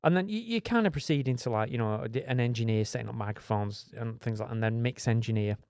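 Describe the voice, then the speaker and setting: A man's voice: mid-range voice, fast talker, smooth, no echo. Middle-aged man, podcast co-host, laughs through rants, very dry close sound. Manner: laughing, ranting, lively. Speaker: podcast co-host, studio producer. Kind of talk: casual chat.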